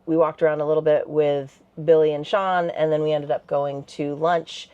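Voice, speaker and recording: A woman co-hosting a travel vlog, recapping the trip in a relaxed, chatty way. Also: low-pitched, normal speed, clear, resonant tone, highs cut off. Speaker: vlog co-host. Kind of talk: casual sit-down recap chat.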